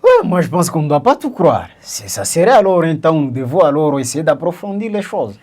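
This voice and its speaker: A man's voice: on the high side, very animated, brisk, darkish tone. A man from Congo co-hosting a discussion, explaining with examples and many hesitant fillers. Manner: explains with examples, asks questions. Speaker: podcast co-host. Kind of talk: casual discussion.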